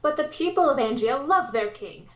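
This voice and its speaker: A woman's voice: sits high, expressive, normal speed, fairly bright tone. A woman voicing an earnest, indignant young princess heroine in a dramatic visual novel read-aloud. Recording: roomy, echoey sound.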